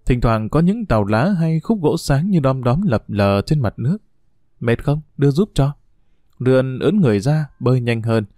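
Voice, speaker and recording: A man reading a story aloud in a steady, even narrating voice. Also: mid-range voice, moderate pace, hardly any pauses, no room sound, studio quality. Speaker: audiobook reader.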